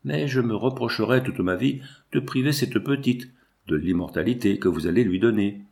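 A man's voice: fairly low pitch, moderate pace, vocal fry, a little mellow. A man reading the lines of a haughty, proud young woman in a storybook, with a dry, curt, ironic delivery.

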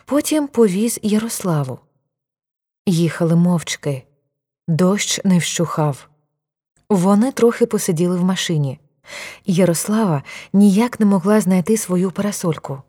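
A woman narrating an audiobook in a calm, even reading voice. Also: lowish voice. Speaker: audiobook reader.

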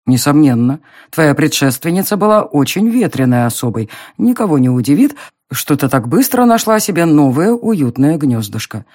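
A narrator playing a smug young nobleman who mocks and teases in an audiobook reading, with a slow, drawling, low delivery. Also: big pitch swings, darkish tone. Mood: mocking.

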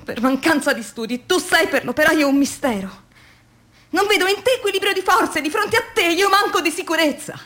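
Speaking at a moderate pace in an extremely high voice, the actress sounds exasperated as a drained, tormented factory worker confiding in her diary. The dramatic radio piece alternates between hushed and fierce passages.

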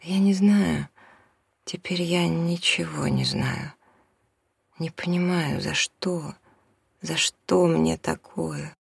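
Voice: mid-range voice, expressive, slow pace, gravelly, long pauses, husky, dry recording, studio quality, full character voice. Reader voicing a whispering, exhausted mother. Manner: quiet, half-whispered, exhausted. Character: worn-out abandoned wife and mother, numb. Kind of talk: audiobook character reading.

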